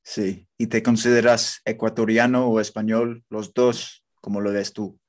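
A man's voice: on the low side, flat delivery, unhurried. A man interviewing casually, curious and asking lots of short follow-up questions. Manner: curious, asks many short questions, encouraging fillers.

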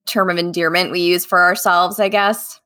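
A woman co-hosts a movie review podcast, giving her take in loose, chatty phrasing. She laughs easily between thoughts. Her voice is bright and sharp. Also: fairly low pitch, flat delivery, moderate pace. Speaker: podcast co-host. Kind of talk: casual movie review chat.

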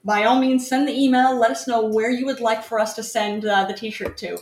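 A woman's voice: a little high, steady tone, a little fast, a little hiss or hum. A woman co-hosting a call-in show, upbeat and friendly, passing on what others say. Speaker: co-host. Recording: echoey room.

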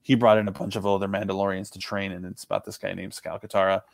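A man's voice: low voice, little pitch movement, fast, gravelly, no echo. A man co-hosting a podcast, chatting casually and rambling with many fillers and restarts. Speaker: podcast co-host. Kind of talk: casual chat.

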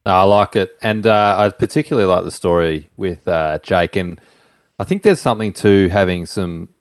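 A man in casual podcast chat, talking in a relaxed, approving way. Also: sits low, moderate pace, no echo.

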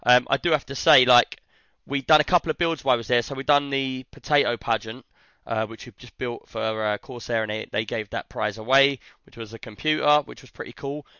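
A British man with a hoarse, worn-out voice, chatting casually as the host of a livestream. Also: medium pitch, a little fast, few pauses, sharp tone, no echo. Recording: slightly dull, lo-fi stream audio.

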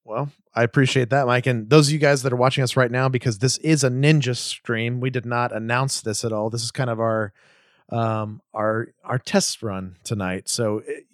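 A man's voice: medium pitch, fairly even intonation, normal speed, no echo, clean studio sound. A man co-hosting a casual podcast, chatting in an easygoing, joking way. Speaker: podcast co-host.

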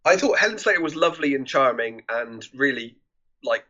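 A man with a bright, forward voice chats through favourite films with a co-host, and his tone stays amused and easygoing. His mic sounds dull and lo-fi, with the top end rolled off. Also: medium pitch, expressive, a little fast. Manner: chatty and amused, laughs often. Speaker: podcast co-host. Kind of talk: casual film review chat.

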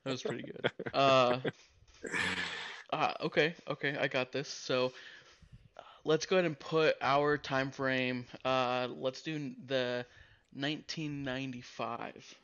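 A man's voice: medium pitch, fairly even intonation, unhurried, a bit bright, clear, resonant tone. A man chatting and joking with friends, telling an improvised story with lots of hesitations and restarts. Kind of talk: casual chat, improvised storytelling. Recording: dull lo-fi sound.

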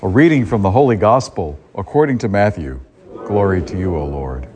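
A low-voiced man with lively intonation speaks at a normal pace over crowd noise. A priest, he reads the gospel and then preaches a conversational homily, often restarting sentences, with a long church reverb echoing like a cathedral.

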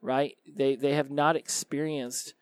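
A man's voice: medium pitch, flat delivery, a little slow, clear, resonant tone, dry recording. Chatty male podcast host, dry close mic. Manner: casual and conversational, frequent fillers and restarts. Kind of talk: solo podcast talk to college students.

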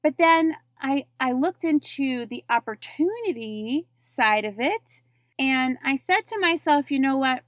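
A woman's voice: sits high, expressive, takes it slowly, no echo. Chatty woman telling her story, dry sound. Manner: chatty, frequent self-corrections and little laughs. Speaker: network marketer. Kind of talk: personal story monologue.

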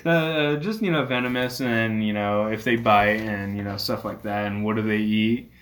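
A man's voice: lowish voice, steady tone, normal speed, fairly bright tone, slight background noise. A man being interviewed as a guest, explaining things casually in a rambling, filler-heavy way. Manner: rambling, peppered with "you know". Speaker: interview guest, reptile rescue owner.

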